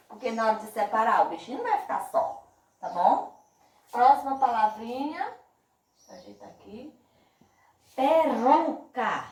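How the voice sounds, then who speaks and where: A Brazilian Portuguese-speaking woman teaching a primary school class by video, drawing out each word slowly and speaking with affectionate diminutives. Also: on the high side, darkish tone, reverberant, recorded from a distance, low-quality recording. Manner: slow, drawn-out emphasis on words. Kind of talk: remote class video lesson.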